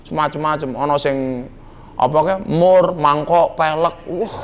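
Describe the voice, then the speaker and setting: Unhurried, with a voice on the high side, a middle-aged man speaking with a Javanese accent delivers a playful sermon to a nightclub crowd. He jokes, teases the live audience in the hall, and mixes in Javanese slang.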